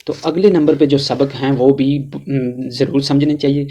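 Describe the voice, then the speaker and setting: A man with a Pakistani Urdu accent teaching a tajweed lesson, explaining letter sounds and drawing out each letter slowly as he drills them. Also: mid-range voice, fairly even intonation, noisy background. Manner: slow, drawn-out recitation of letters between plain explanations. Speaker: Quran reading teacher.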